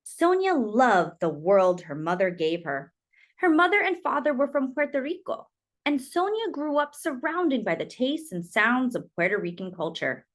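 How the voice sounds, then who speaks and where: Here a woman tells a children's picture book aloud in a voice on the higher side. The storytelling is deliberate and expressive, leaning on dramatic emphasis.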